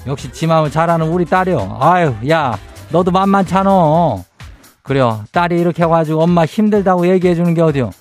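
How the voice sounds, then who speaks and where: A man's voice: fairly high pitch, fast talker, hardly any pauses, darkish tone, faint music behind. A man with a Chungcheong Korean accent hosting a radio show, reading listener messages and giving folksy, teasing, homespun advice in a casual chat.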